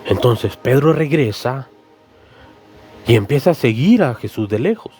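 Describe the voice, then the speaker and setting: Male preacher, storytelling sermon, mid pitch, addresses the congregation as brothers, soft music bed. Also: lively intonation, unhurried.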